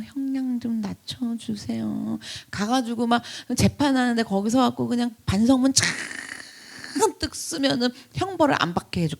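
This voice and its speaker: A woman pastor preaching a sermon, acting out pleading voices and sometimes dropping to a whisper. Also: on the high side.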